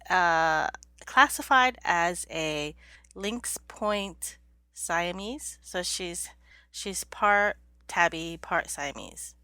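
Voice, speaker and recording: A woman's voice: fairly low pitch, extremely slow, bright, forceful tone, clean tone, no room sound, studio quality. A middle-aged woman co-hosting a casual podcast from her home, a little stuffy-nosed, easygoing and giggly. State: stuffy nose. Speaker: podcast co-host. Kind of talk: casual chat.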